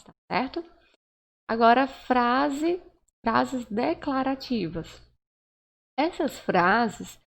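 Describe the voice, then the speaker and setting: A woman teaching a grammar lesson, patiently checking in with her listeners and acting out the example sentences. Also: on the high side. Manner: slow, patient, checks in with "né?" and "certo?"; acts out example sentences with raised, stretched intonation. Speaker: Portuguese teacher. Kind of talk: recorded online grammar lesson.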